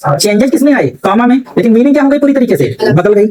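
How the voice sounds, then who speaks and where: High-voiced male teacher quizzing a class. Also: sing-song, fast, crowd noise, rough recording. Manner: quizzing students with constant rhetorical questions. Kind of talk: classroom grammar lesson.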